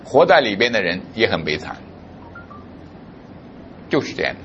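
A man's voice: fairly low pitch, very animated, normal speed, fairly bright tone, muffled recording, a little hiss or hum. A male pastor preaching a sermon, who keeps putting rhetorical questions to his congregation.

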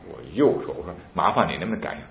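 Fast-talking deep-voiced man telling a story. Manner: animated, re-enacts dialogue with emphatic outbursts. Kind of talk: casual storytelling. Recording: roomy, dull lo-fi recording with faint hiss.

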